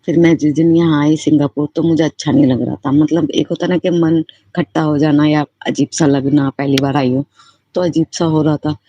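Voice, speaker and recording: A woman's voice: low voice, steady tone, moderate pace, mellow, a little hiss or hum. A woman giving a personal devotional testimony, speaking in a heartfelt, repetitive and fervently grateful way. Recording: slightly muffled lo-fi recording.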